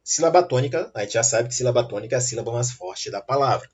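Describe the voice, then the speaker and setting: With a slightly rough, animated voice at medium pitch, a man explains English grammar patiently and at a slow pace. Rising checks like "tá bom?" make sure the class is following, and the recording sounds dull and lo-fi.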